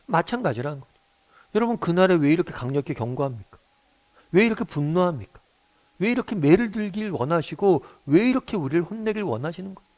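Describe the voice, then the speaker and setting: A man's voice: high voice, big pitch swings, fast talker, darkish tone. A middle-aged male pastor giving a morning devotional sermon, earnest, often putting questions to his listeners.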